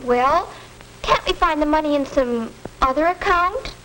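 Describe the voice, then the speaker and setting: An actress playing an earnest, fair-minded teenage daughter in a stagey 1940s educational film. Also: female voice, high-pitched, expressive, unhurried, fairly bright tone. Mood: earnest, willing. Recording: crackly 1940s film soundtrack.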